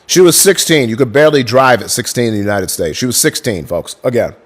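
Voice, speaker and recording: A man's voice: medium pitch, sing-song, fast. A man hosting a livestream, reading book passages aloud and breaking off to thank chat viewers, swearing freely in a casual way. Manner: profane, chatty, thanks viewers mid-reading. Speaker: livestream host.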